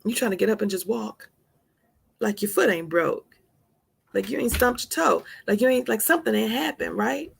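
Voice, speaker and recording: A woman's voice: mid-range voice, lively intonation, normal speed, creaky, breathy edge. A woman in her forties hosting a live stream, giving a heartfelt motivational talk with earnest, repeated, preacher-like emphasis. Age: 40s.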